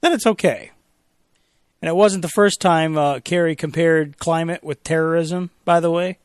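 A talk radio host, a man with a somewhat high voice, recorded close and dry in a studio. He reads official statements and cuts in with sarcastic, mocking asides aimed at his listeners. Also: fairly even intonation, moderate pace, clear, resonant tone, dry recording. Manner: sarcastic, mocking, reads documents aloud with commentary. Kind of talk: opinionated talk radio monologue.

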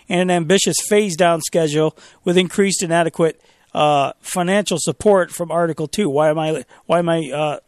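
A talk radio host, a man with a somewhat high voice, recorded close and dry in a studio. He reads official statements and cuts in with sarcastic, mocking asides aimed at his listeners. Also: no room sound. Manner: sarcastic, mocking, reads documents aloud with commentary. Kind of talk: opinionated talk radio monologue.

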